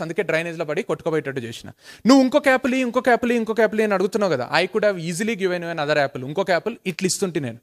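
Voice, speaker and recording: Gentle patient God, calmly explaining, voiced by a man, fast talker. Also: high-pitched. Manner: calm explaining. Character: kind patient God speaking gently to a boy.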